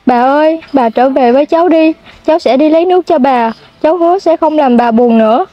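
A woman's voice: sits high, fairly quick, lightly acted. A young woman voicing a remorseful young village boy who begs his grandmother, as in a storybook. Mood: pleading. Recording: dull lo-fi sound.

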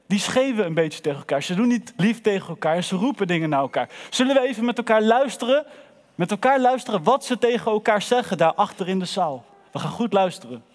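A man's voice: sits high, in a large hall. A man presenting in a children's church, telling a story and talking directly to the kids. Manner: lively, addresses the children directly.

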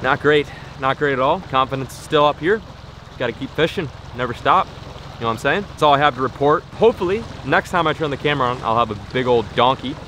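A man's voice: mid-range voice, expressive, fairly quick, fairly bright tone, slight background noise. A young man vlogging to an action camera from a small boat on a lake, upbeat and self-mocking as he thinks aloud. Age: young adult. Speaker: fishing vlogger. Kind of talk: casual vlog to camera.

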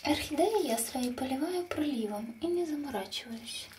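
A woman talking in a hushed voice that often drops to a whisper, fondly teasing a pet as in a casual home vlog. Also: high-pitched, expressive, moderate pace, slight background noise. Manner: speaks softly, often dropping into a whisper at night; affectionate, teasing pet talk with diminutives. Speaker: pet owner and amateur plant vlogger. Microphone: handheld phone.

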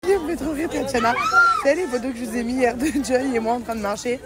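A young woman vlogs in a casual chat to her followers, her voice a little high. She talks fast in bursts, repeats words and fills pauses. She speaks as a mother. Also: steady tone, over a noisy crowd. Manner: chatty, repeats words, fillers, warm toward her daughter. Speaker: vlogger and mother.

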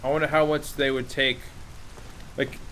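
A man's voice: medium pitch, level tone, moderate pace, bright, forceful tone, a little hiss or hum. A young man giving casual commentary while playing a video game. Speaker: gaming host playing and reacting.

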